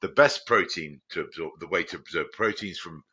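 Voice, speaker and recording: A man from Crete, a biotech founder guest, talking casually and rambling with many restarts and animated jumps in pitch. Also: fairly quick, breathy edge, highs cut off. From Greece, Crete. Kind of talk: casual conversational explaining.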